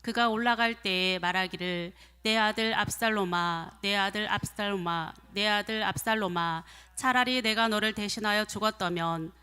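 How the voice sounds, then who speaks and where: Female scripture reader, slow measured recitation, smooth voice, long hall reverb. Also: medium pitch, pushed and bright. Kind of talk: scripture reading.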